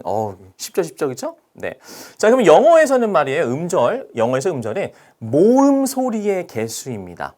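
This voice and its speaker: A man teaching an English grammar lesson to students, often checking in with "okay?" and "right?", and sounding out English words slowly. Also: on the high side. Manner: stretches out English words when sounding them out.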